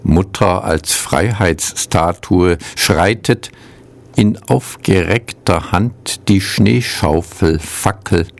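A man presenting a radio culture program, reading poems aloud in a calm, measured way and introducing the music between them. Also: deep voice, vocal fry.

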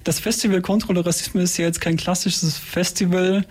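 A man's voice: high-pitched, fairly even intonation, normal speed, slightly rough. A man co-hosting a radio show, asking questions in a casual, conversational interview style. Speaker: radio co-host.

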